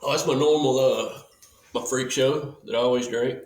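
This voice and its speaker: A man in his forties appears as a podcast guest, chatting casually in an easygoing, folksy way and restarting his sentences often. His medium-pitched, darkish voice stays steady at a moderate pace, and the room he's recorded in is echoey.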